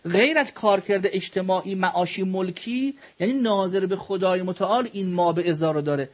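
A man's voice: high-pitched, lo-fi sound. A man teaching a religious studies class, explaining texts word by word, questioning students and joking with them.

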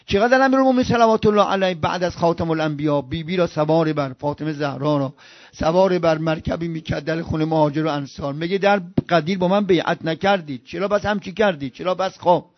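A man preaching an impassioned sermon. He swings from loud outbursts to hushed murmurs and chants scripture in a slow recitation. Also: fairly high pitch, no echo, muffled recording.

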